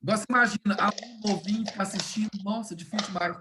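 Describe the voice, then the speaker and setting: Woman teaching over a video call, patient step by step explaining, slows right down on the key words, keeps checking everyone's following, middle-pitched voice. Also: noisy background. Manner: didactic, checks in often with "tá?" and "né?". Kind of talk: online class lecture.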